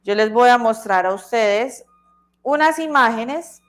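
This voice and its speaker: Woman, English tutor, slow careful delivery, fairly high voice. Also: lively intonation. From Colombia. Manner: slow, careful, repeats words for pronunciation. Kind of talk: online class teaching.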